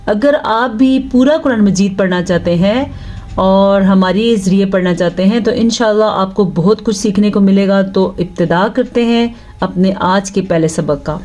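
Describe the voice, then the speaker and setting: A woman's voice: medium pitch, a little mellow. Patient woman teaching Quran recitation. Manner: patient explaining teacher, slow drawn-out recitation. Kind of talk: tajweed lesson with recitation.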